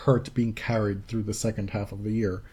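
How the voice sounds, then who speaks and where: A man's voice: on the low side, flat delivery, normal speed, dark tone, husky. A man co-hosting a tennis podcast in casual chat, wry and teasing, stretching words for emphasis. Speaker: podcast co-host.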